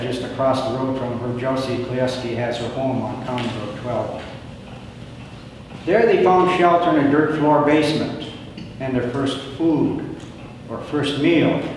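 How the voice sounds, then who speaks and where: An older man giving a prepared talk of family history to an audience, in a plain, measured storytelling way with pauses. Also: mid-range voice, darkish tone. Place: large echoing indoor hall. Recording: very echoey hall, distant mic, background noise.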